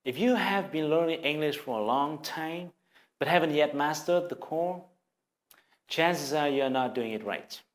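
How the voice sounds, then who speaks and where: In a slightly slow, higher-pitched voice, a Vietnamese-accented teacher walks viewers through a scripted English video lesson. He is a native speaker of Vietnamese, and his tone is sincere and encouraging as he talks straight to the audience.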